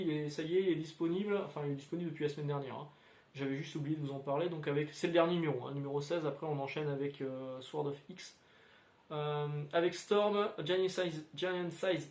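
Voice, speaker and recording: A man with a slightly high voice chats casually about his week's comics, hesitating and wandering between thoughts. He talks into a standalone mic in a roomy, echoey room at home. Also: darkish tone. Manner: rambling, many filler sounds. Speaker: comics video host. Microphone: standalone microphone.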